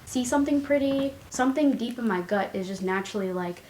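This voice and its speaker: A woman's voice: on the high side, expressive, a little fast, darkish tone, reverberant, slight background noise, low-quality recording. A young woman vlogging casually at home, chatty and rambling, with giggly asides, recorded on a compact camera's built-in mic. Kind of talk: casual chat. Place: indoors at home, her room.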